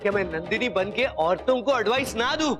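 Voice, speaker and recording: A naive, eager young husband who whines to his mother whenever he is teased. His voice is raised and fairly high, with loud sitcom music under him. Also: expressive, normal speed. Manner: whiny, childish appeals to his mother. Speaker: son and husband.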